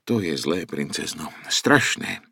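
A man's voice: extremely low pitch, animated, vocal fry, bright, forceful tone, breathy edge, dry recording, clean studio sound, exaggerated voice. A man voicing an old wandering painter who explains in an earnest, solemn way. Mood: grave. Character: old wandering male painter, grave and worried.

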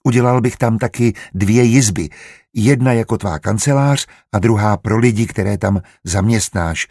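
In this audiobook, a man reads a good-natured, learned steward who lays out his plans with eager kindness. The voice is husky with a little breath in it, and the recording is dry and close. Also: lowish voice, darkish tone, no room sound. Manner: explains eagerly and kindly. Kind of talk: audiobook character reading.

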